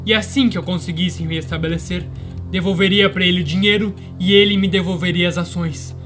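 A resentful Brazilian businessman in a radio drama. He sounds defensive and insistent in a fairly high voice. Music is clearly heard behind him. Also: fairly even intonation, brisk, a bit bright. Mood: aggrieved.

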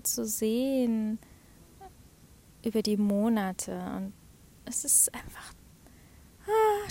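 A woman talking personally and reflectively, often dropping to a soft half-whisper and laughing between thoughts. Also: a little high, gravelly, a little hiss or hum. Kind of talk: personal talk about her cycle.

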